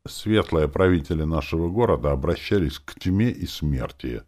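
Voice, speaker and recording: A man's voice: a bass voice, animated, moderate pace, a little mellow. A man reading an audiobook, voicing a bold, headstrong young daughter who talks back sharply and mockingly. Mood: defiant.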